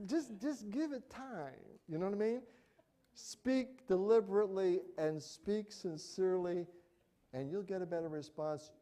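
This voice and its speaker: A middle-aged man preaching a sermon in a conversational, animated way, acting out little everyday examples. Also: high-pitched. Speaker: pastor.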